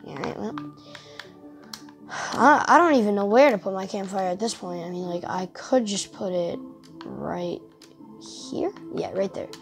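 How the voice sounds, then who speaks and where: A woman's voice: medium pitch, unhurried, long pauses, soft background music. A tired woman hosting a casual let's-play, rambling and thinking aloud as she plays, often poking fun at herself. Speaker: gaming channel host.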